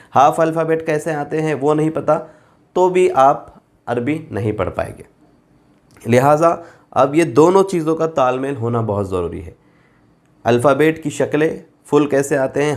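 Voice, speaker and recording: A man with a fairly high voice teaches a reading class. He talks at a very slow, deliberate pace, drawing out each syllable and saying it again and again so learners can follow. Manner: patient, drills each syllable slowly and repeats it.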